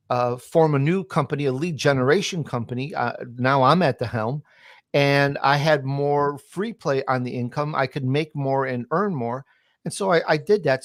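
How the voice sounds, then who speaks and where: Speaking in a mid-range voice, this male interview guest, an entrepreneur who also podcasts, recounts how he built his business and hands out advice with confident emphasis. The tone stays conversational, and the studio recording is clean with no room sound.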